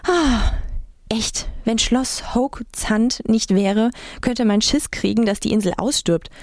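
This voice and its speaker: A woman's voice: a little high, slow, dry recording, clean studio sound, voice pushed up. A woman doing a bubbly, nosy teen girl. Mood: eager chatter. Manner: bubbly, nosy, rattles off questions. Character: overly eager chatty teen island girl.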